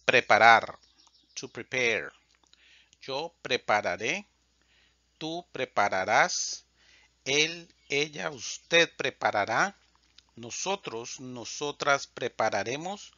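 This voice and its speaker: Slow, deliberate Spanish teacher, man. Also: medium pitch, animated, sharp tone, dry recording. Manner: measured, deliberate reading of verb forms. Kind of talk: slow drilled verb conjugation lesson. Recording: dull lo-fi dry sound.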